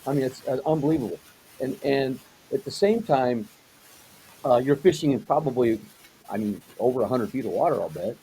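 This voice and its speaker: A man's voice: medium pitch, expressive, brisk, dark tone, a little hiss or hum, rough recording. A man hosting a casual interview, rambling a little, often repeating words and restarting his questions. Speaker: host.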